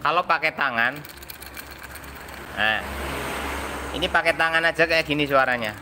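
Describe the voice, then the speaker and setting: A man's voice: fairly high pitch, normal speed, noisy background. A man with a Javanese accent who works as a motorbike mechanic, explaining a repair hands-on and imitating machine noises.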